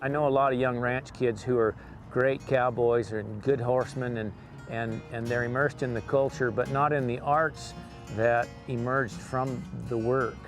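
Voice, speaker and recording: A man's voice: mid-range voice, steady tone, a little slow. A mature man, a working cowboy and performer, talking reflectively in an interview. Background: music under the voice.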